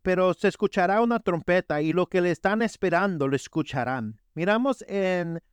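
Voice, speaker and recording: Male preacher, high voice, dry close sound, earnest storyteller. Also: expressive, moderate pace, clear, resonant tone, no room sound. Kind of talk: sermon.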